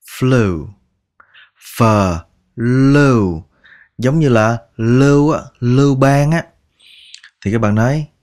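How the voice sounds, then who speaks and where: A man teaching English pronunciation, repeating each word slowly and drawing out its sounds, patient and coaxing. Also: medium pitch. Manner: patient, coaxing, ends phrases with soft particles. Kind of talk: slow pronunciation lesson.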